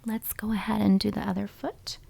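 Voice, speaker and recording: Whispered role-play, creaky-voiced woman as foot doctor. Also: mid-range voice, little pitch movement, fairly quick. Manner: soft whispering, gentle, methodical, explanatory. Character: calm, gentle foot doctor examining a patient. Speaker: ASMR performer playing a foot doctor.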